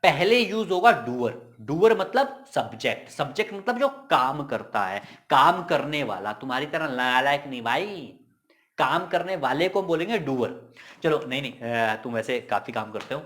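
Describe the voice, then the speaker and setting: A man teaching English grammar in a casual, emphatic lesson. He repeats key points as quick questions and slips in jokey asides. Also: mid-range voice, sing-song, fairly bright tone.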